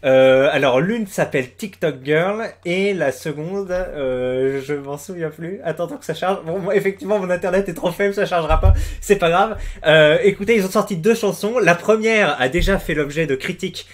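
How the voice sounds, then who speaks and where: A man's voice: high-pitched, normal speed, few pauses. Hesitant young man commenting at home. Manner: hesitant, many fillers and restarts. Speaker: YouTuber commenting on a music video. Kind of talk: casual commentary. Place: room at home with the door closed.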